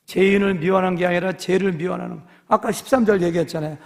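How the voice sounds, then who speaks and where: A man's voice: high voice, fairly even intonation, quick pace, vocal fry, a little mellow, in a large hall. A man preaching a sermon as pastor, telling stories animatedly and acting out dialogue in different voices. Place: church sanctuary.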